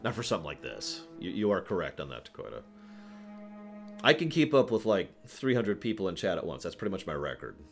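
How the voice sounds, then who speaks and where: Soft music plays behind a livestream host whose voice sits low and sounds very animated as he talks briskly. His chat with viewers is casual, opinionated and emphatic, and he keeps interrupting himself to speak to the chat.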